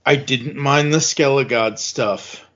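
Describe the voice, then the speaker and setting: A man co-hosting a podcast, speaking in a deliberate, critical way and searching for words. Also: mid-range voice, fairly bright tone. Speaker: podcast co-host. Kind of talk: casual podcast chat. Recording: dull lo-fi podcast audio.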